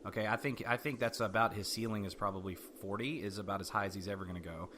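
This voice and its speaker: A man co-hosting a political podcast in a fairly low voice at a fast clip. He stammers and repeats words before he makes his point. Faint noise sits under the recording. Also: steady tone, fairly bright tone. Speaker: podcast co-host. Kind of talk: casual political chat.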